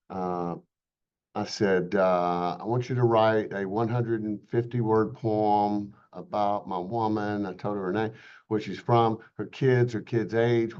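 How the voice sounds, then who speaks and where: A man's voice: mid-range voice, a little mellow, highs cut off. A man teaching a real estate licensing class in a casual webinar, chatting and joking with his students in a folksy way.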